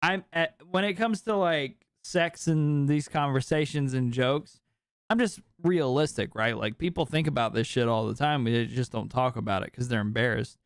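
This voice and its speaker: A man's voice: mid-range voice, moderate pace, clean tone, no echo, clean studio sound. A tired young man hosting a podcast, talking in a rambling, candid way and swearing freely late at night. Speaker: podcast host. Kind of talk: late-night casual chat.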